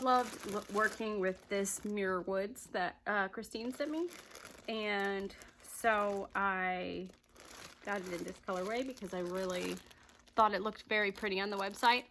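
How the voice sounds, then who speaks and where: A woman's voice: mid-range voice, pushed and bright, a little hiss or hum, rough recording. A chatty woman with a Southern accent, rambling cheerfully through a casual yarn vlog and laughing often. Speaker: yarn vlogger. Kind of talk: casual chat.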